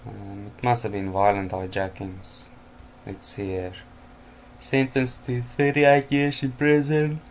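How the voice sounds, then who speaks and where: Reading headlines late at night from home, this news commentator sounds exhausted and yawns, slipping in offhand remarks and chuckles. He has a lowish voice with flat delivery at a slow pace, and there's slight background noise.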